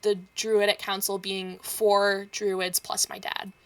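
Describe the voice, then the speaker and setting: A woman casually recapping a tabletop campaign, swearing freely, acting out quoted lines and dropping into quick whispered asides. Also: medium pitch, level tone, a bit bright, smooth.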